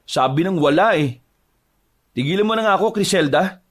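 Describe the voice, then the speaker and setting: A man's voice: medium pitch, normal speed, natural voice. A man doing a curt, suspicious young husband. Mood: snapping. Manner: curt, snapping. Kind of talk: horror audio drama dialogue.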